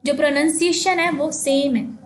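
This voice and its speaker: A woman teacher giving a class lesson, explaining slowly, asking the class questions and spelling words letter by letter. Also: high voice, steady tone, slight background noise.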